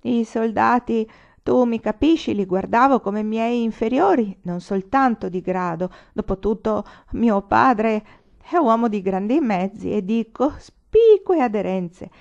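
A woman reading aloud voices a drunk young male army lieutenant who talks loudly and boastfully. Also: fairly high pitch, expressive, normal speed, pitched above the performer's own voice. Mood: drunken, blustering. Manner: loud, boastful, sobbing and angry by turns. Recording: slightly dull, lo-fi recording.

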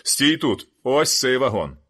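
A man voicing a hoarse, brusque middle-aged male night-crew boss in an audiobook. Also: lowish voice, sing-song, a little fast, a bit bright, exaggerated voice. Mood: barking orders. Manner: brusque, ordering people about.

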